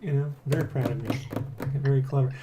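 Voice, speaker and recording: A man who hosts a casual dev blog and draws comics chats with viewers and a co-worker in a rambling, excitable way. He keeps checking for agreement with "right?" and "you know?". His voice is medium-pitched and a little fast, with background noise behind it.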